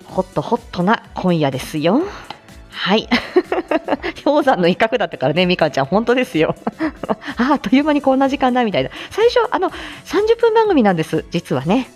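A woman with a medium-pitched, slightly dark voice hosts a casual morning live audio stream, answering listener comments politely but informally and chuckling often. She is a speech-language therapist whose chatty talk mixes polite announcements with casual asides. Faint music plays behind her voice.

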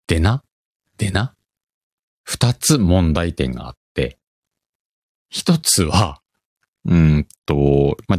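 Deep-voiced man with a Kansai accent, rambling. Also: no echo. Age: middle-aged. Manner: rambling, animated storytelling with laughs. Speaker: podcast host. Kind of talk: casual solo chat.

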